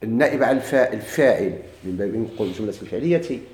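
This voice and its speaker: A man with a Moroccan Arabic accent teaching Arabic grammar in a classroom lecture. He asks questions and answers them himself, and drags out his examples slowly. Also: on the low side, lively intonation, darkish tone. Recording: echoey room.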